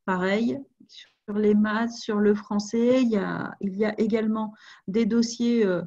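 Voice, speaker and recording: A woman's voice: mid-range voice, steady tone, a little slow, dark tone, highs cut off. A woman co-hosting a webinar over a video call, talking casually while showing a website and checking in with the audience.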